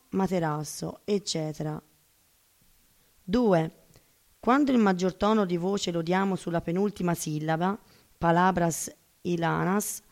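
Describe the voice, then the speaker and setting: A woman reading a scripted language lesson in a measured, deliberate way, pausing over lists of words. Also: mid-range voice, a little mellow.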